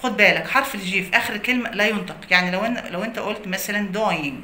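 A woman's voice: mid-range voice, fast, bright, forceful tone. Egyptian woman teaching English pronunciation. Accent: Egyptian Arabic. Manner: explains phonics rules with many examples. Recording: echoey room with faint noise.

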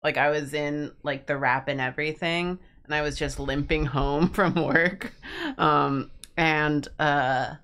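Low-voiced woman telling a laughing story. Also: fairly even intonation, slow pace, fairly bright tone. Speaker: co-host of an art stream. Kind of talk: casual chat.

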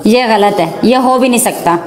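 A woman's voice: on the high side, moderate pace, a little mellow. A woman, a streamer who protests and argues her case during a casual game dare.

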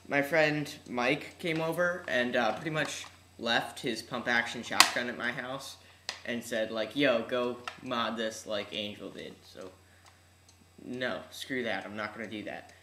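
A teenage young man talks offhand to a webcam at home, his articulation slightly affected by braces. His pitch is ordinary for a male voice. The room echoes around him and clear noise sits in the recording. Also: unhurried, bright, forceful tone. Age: teens. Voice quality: slightly odd articulation from braces and palate expander. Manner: offhand, slangy. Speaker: hobbyist video host. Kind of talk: casual unscripted vlog demonstration. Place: large room at home, indoors. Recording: echoey room, noisy webcam-style audio.

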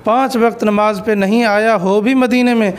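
A man's voice: high voice, steady tone, moderate pace, clear, resonant tone. A man who is an Islamic cleric, answering an interview question with an earnest, exhortative sermon and stories.

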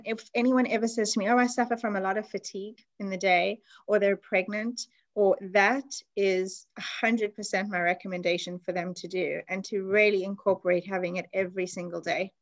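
A woman's voice: mid-range voice, little pitch movement, moderate pace, hardly any pauses, highs cut off. A woman hosting an online class over a video call, explaining in a chatty, enthusiastic way. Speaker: class host.

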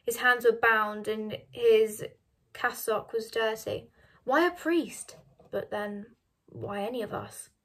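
A woman reading a novel aloud, measured and dropping soft on narration. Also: a little high, level tone. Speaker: reader of a novel.

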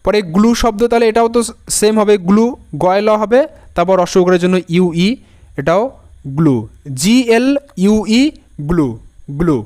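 High, smooth-voiced patient spelling teacher. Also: male voice, darkish tone. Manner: slow, patient, repeats each word several times. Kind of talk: Bengali-language spelling lesson.

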